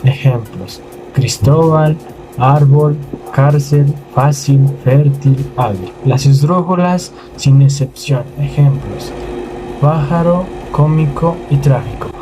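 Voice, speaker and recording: A man's voice: a little high, slow, rough recording. A young man reading a student class presentation, listing examples one by one. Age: young adult. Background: clear music.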